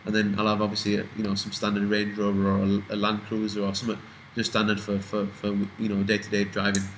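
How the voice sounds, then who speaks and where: Young UK man in his twenties, slightly low pitch, loose rambling vlog talk with cursing, light background hiss. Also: monotone, fast, poor audio. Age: 20s. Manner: rambling, swears freely, trails off and restarts. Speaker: vlogger answering viewer questions. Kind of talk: casual Q&A chat.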